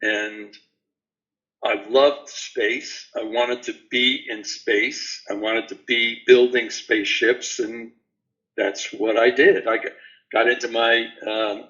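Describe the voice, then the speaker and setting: A man's voice: medium pitch, flat delivery, fairly bright tone. Older man, rambling, dull lo-fi audio. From New York City. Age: 70s. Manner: unhurried, rambling, with many fillers and restarts. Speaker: guest. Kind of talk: casual interview answers. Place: remote call from a beach house.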